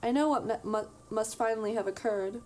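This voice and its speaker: A bewildered man just woken from a long frozen sleep, asking halting, anxious questions, as a woman reads him aloud. He stays reasonable while he tries to understand. The voice sits fairly high. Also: dark tone, recorded from a distance, close to an everyday voice.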